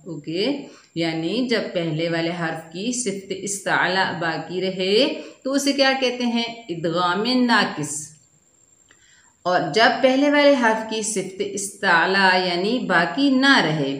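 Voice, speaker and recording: A woman teaching children Quran recitation rules, asking questions and answering them herself, and drawing out syllables in slow drills. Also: medium pitch, fairly bright tone, echoey room. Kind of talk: children's tajweed lesson.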